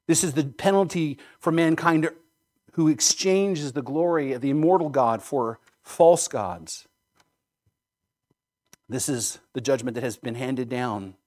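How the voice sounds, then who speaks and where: A man's voice: mid-range voice, measured pace, a little mellow. A man preaching a sermon as a pastor, earnest and emphatic, drawing in his listeners with rhetorical questions.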